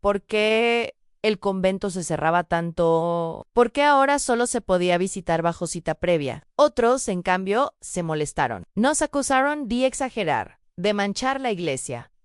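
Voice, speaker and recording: A woman narrates a dramatic testimony in a solemn, measured way. Her voice is smooth and resonant, at an ordinary middle pitch. The recording is dry, with no room echo. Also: expressive. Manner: solemn, measured, addresses the listener directly. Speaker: storyteller narrating a first-person testimony.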